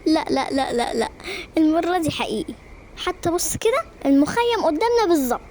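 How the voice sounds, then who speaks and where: A woman voicing a teasing, confident older sister in an animated story, reassuring her brother. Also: high-pitched, quick pace, a little hiss or hum.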